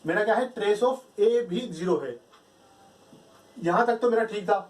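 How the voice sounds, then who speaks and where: High-voiced man teaching math, far from mic. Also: measured pace. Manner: explains step by step, asks and answers his own questions. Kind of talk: whiteboard math lecture.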